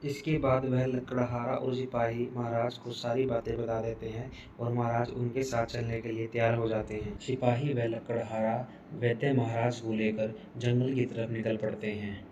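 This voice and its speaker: Male narrator, scripted cartoon storytelling, monotone delivery, mid pitch, noticeable background noise. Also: moderate pace, hardly any pauses, highs cut off.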